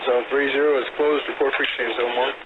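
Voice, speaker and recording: A man's voice: medium pitch, fairly even intonation, quick pace. Terse man over a walkie-talkie. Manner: terse clipped radio procedure. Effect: heard over a walkie-talkie radio. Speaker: military radio controller. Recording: tinny radio line with loud noise.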